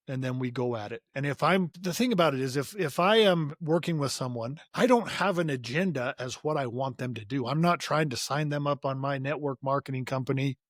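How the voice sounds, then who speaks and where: Higher-voiced man, motivational and earnest. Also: dry recording, clean studio sound. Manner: earnest, motivational, repeats words when starting a sentence. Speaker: podcast guest. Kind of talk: conversational interview.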